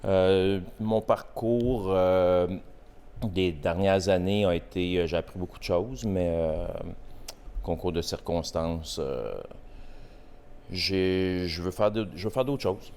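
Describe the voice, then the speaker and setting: A man in his forties with a Québécois accent, a podcast guest speaking in a hesitant, halting way with many fillers. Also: sits low, darkish tone, a little hiss or hum. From Quebec. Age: 40s. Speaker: podcast guest, host's father. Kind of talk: casual interview.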